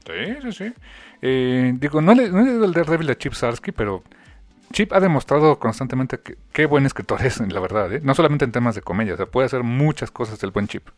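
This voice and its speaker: A man hosting a comics podcast, chatting casually and rambling through filler pauses. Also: medium pitch, expressive, no room sound, soft background music. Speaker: podcast host. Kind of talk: casual chat.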